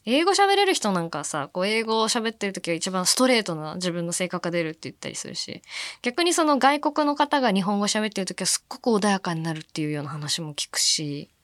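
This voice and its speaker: A woman from Fukuoka hosting a radio show, chatting casually and musing aloud, with soft-spoken asides between her points and listener mail. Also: mid-range voice, dry recording. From Fukuoka, Japan. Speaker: radio host.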